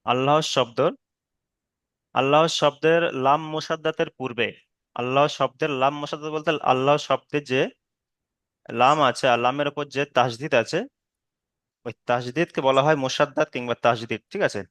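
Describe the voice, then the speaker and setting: Smooth-voiced man teaching Quran recitation. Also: mid-range voice, steady tone, a bit bright, no room sound. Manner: slow, repetitive explaining, checking with students; drawn-out chanted Arabic examples. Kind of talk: online tajweed lesson.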